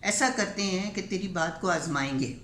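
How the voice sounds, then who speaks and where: An older woman storyteller voicing a menacing male bandit chief who gives gruff, threatening commands, in a roomy recording. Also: on the low side, a bit bright, close to an everyday voice. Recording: roomy echo, faint background hiss.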